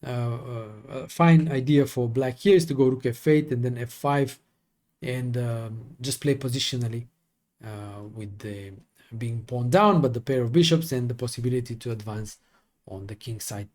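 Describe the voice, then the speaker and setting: Chess coach calmly explaining opening lines. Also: male voice, mid-range voice. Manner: thinking aloud, with many fillers and quick self-corrections.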